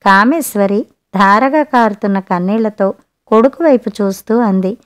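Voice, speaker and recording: A woman's voice: mid-range voice, moderate pace. Woman reading a storybook aloud. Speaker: audiobook narrator. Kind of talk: storybook narration.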